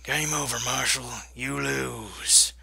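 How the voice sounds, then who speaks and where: A man voicing a cold, taunting male killer from a storybook game, with a gravelly Texas drawl. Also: medium pitch, steady tone, slow, pushed and bright, dry recording, exaggerated voice.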